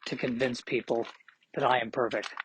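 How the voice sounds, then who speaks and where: A man's voice: mid-range voice, steady tone, moderate pace, noisy background. A man in his forties hosting a solo podcast, chatting casually in a rambling, self-deprecating way. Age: 40s. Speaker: podcast host.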